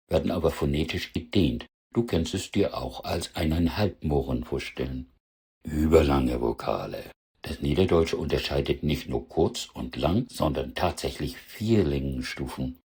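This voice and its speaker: A man with a northern German accent teaching a dialect lesson, pronouncing example words slowly and carefully. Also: extremely low pitch, a little mellow, husky. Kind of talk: explanatory lesson with spoken word examples.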